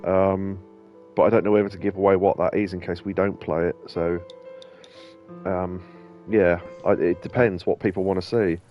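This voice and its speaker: A man's voice: deep voice, flat delivery, moderate pace, muffled recording, soft background music. A man casually talking through a video game he is playing, rambling loosely with lots of ums and restarts. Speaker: gaming streamer and host. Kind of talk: casual let's-play commentary.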